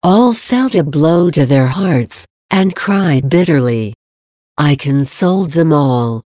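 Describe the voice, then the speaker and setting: A woman reading the part of a tender heavenly mother, the queen of heaven, in a slow, solemn devotional reading. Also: low voice, expressive, dark tone, no echo, clean studio sound.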